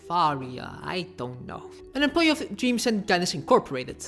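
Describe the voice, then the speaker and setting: A woman's voice: on the low side, big pitch swings, normal speed, a bit bright, faint music behind. A woman narrating a casual video essay with sarcastic, offhand asides.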